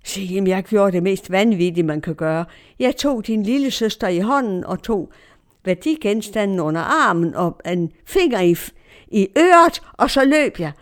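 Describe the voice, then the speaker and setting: A woman's voice: mid-range voice, expressive. Older Danish woman, personal storytelling, vivid, acts out the voices of the people she quotes. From Denmark. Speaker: storyteller recounting her own life.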